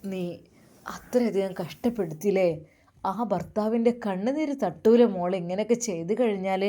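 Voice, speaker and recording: A pious older mother scolds and pleads in turn, her voice rising with feeling, as a woman storyteller puts her on. The voice is mellow and warm rather than bright. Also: mid-range voice, lightly acted.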